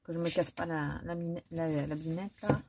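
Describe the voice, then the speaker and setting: A woman's voice: sits low, moderate pace, very noisy. A woman, chatting casually through a makeup haul with many fillers and restarts. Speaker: beauty vlogger. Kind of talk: casual haul chat with swatches.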